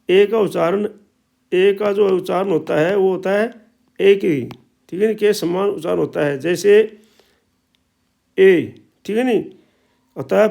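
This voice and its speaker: A man teaching pronunciation, explaining slowly and repeating each sound many times. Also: sits high, gravelly, darkish tone. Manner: slow, repetitive explaining with drawn-out sounds. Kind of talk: spoken language lesson.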